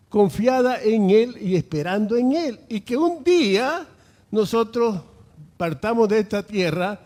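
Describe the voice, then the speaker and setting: A man's voice: sits high, a little mellow, in a large hall. A male pastor preaching a sermon, emphatic and full of rhetorical questions.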